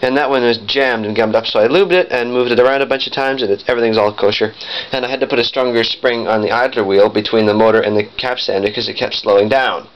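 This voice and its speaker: This man talks fast in a mid-range voice while showing off vintage audio gear from his collection. The demo is casual and rambling, and he keeps correcting himself along the way. Sound comes from a handheld camera, so it's dull, lo-fi and noisy.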